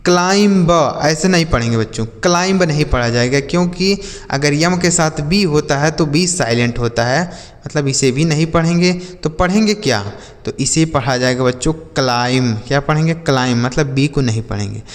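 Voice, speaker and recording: A man teaching English vocabulary from Hindi, spelling each word letter by letter and slowly repeating every example sentence. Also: on the high side, long reverb tail. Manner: asks the listener questions and answers them himself. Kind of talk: slow, drilled vocabulary lesson.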